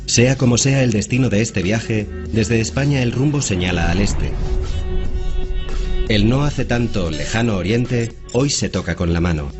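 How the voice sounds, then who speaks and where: A man reading scripted documentary narration in an even, composed delivery. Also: fairly low pitch, unhurried, over music.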